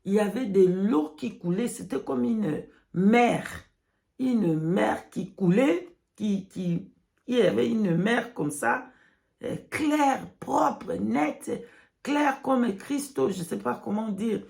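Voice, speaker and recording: A woman's voice: a little high, takes it slowly, vocal fry, darkish tone. A woman giving religious testimony in broken, non-native French, mixing in English words and repeating phrases emphatically. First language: not French. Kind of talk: religious testimony addressed to followers.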